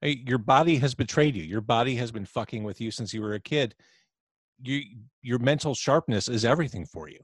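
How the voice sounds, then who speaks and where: A man's voice: mid-range voice, a little fast, slightly rough, no echo. A man hosting an interview, casual and agreeable, swearing freely. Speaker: interview host. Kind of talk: conversational podcast interview.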